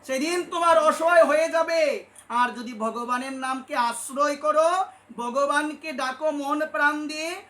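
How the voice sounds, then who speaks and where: A man's voice: extremely high pitch, a little slow, sharp tone. A man preaching a devotional sermon, impassioned and telling stories, often rising to emphatic peaks and calling his listeners mother. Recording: echoey room with faint ambience.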